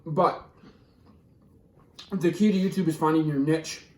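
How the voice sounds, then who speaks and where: A man's voice: on the high side, steady tone, measured pace, darkish tone, distant mic. A young American man in his twenties gives candid, rambling, slangy answers in a casual interview while his mouth burns and his throat tightens from spicy food. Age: 20s. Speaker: YouTube vlogger being interviewed. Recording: roomy, echoey sound.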